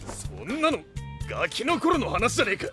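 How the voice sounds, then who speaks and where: An actor playing a brash, swaggering big-brother type who talks rough and mocking, in an audio drama with music behind. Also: male voice, very high voice, sing-song, normal speed. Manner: rough, mocking street talk.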